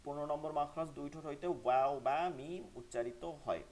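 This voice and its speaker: A man's voice: a little high, darkish tone. Man teaching with drilled repetitions. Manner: repeats sounds slowly for learners to copy. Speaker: Quran recitation teacher. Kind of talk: online class lesson.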